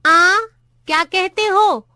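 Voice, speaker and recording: A dozy, half-deaf old clerk behind a government counter who muddles every word he is told, as a woman reading the story puts him on. The voice sits high and moves slowly. It is recorded close and dry. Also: bright, forceful tone, dry recording, exaggerated voice. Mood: muddled. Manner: confused, repeats things wrong. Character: hard-of-hearing old male office clerk.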